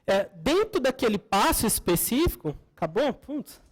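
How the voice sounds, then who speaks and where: A woman with a Brazilian Portuguese accent speaks to a conference audience in a slightly higher voice. She explains technical steps one at a time, often restarting her sentences and checking in with listeners. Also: very animated, normal speed. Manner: explanatory, often adds tag questions for the audience; frequent self-corrections and restarts.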